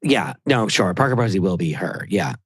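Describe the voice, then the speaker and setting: A man's voice: deep voice, animated, normal speed, husky, no echo. Chatty man gossiping, dry sound. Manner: rambling, heavy use of "like", acts out others' voices. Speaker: podcast co-host and TV producer, guest. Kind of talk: casual gossipy chat.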